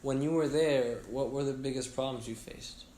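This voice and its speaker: A man conducts an interview, asking short probing questions and offering words to help his guest along. His voice is mid-pitched, and the room around him rings noticeably. A faint background hiss sits under the talk. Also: fairly even intonation, moderate pace, mellow. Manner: probing, rephrases and prompts answers. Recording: echoey room.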